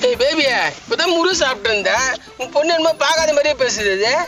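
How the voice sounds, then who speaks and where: A man's voice: very high-pitched, expressive, fast, sharp tone. A man acting in a village comedy sketch, complaining and accusing, calling after people.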